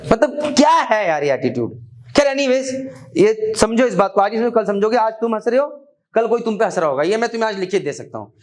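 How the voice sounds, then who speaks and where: Stern high-voiced man lecturing. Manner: stern, scolding, mixes Hindi and English. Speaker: academy head addressing students. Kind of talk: motivational classroom lecture.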